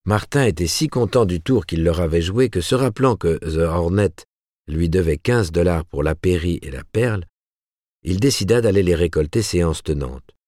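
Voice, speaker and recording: A man narrating a novel aloud in a measured storytelling manner. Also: deep voice, mellow, no room sound, clean studio sound. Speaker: audiobook narrator. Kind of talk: scripted narration.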